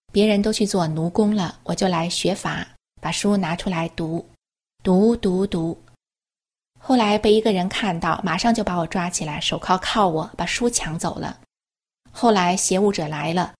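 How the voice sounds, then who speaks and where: A woman reading a first-person testimony aloud in an earnest, steady, plain storytelling manner. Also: lowish voice, husky.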